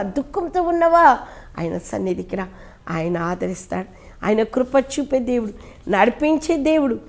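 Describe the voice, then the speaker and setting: A woman pastor with a Telugu accent, preaching a sermon fervently, swinging between loud rises and hushed drops. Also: on the high side. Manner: repeats pleading prayer lines ending in "ayya".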